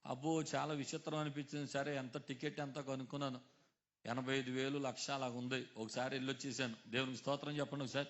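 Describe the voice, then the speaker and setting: A man preaching a sermon, calling on his congregation to answer aloud, dropping low and then rising to loud exhortation. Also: flat delivery, fast talker. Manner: calls on the congregation to answer loudly, swings between hushed and shouted. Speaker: pastor.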